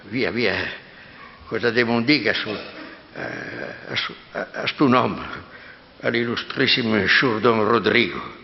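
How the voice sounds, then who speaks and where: Stage reading: male actor as timid, deferential Milanese priest, halting, gravelly creak, reverberant hall. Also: lowish voice, slight background noise, pitched below the performer's own voice. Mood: servile, nervous. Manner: stammering, halting, repeating words. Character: flustered, fearful, deferential male village priest. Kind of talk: theatrical dialect reading. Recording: muffled, echoing hall.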